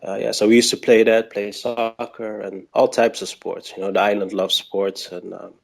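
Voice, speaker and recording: Gravelly low-voiced Aruban man. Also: level tone, normal speed. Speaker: podcast guest. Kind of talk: casual interview chat.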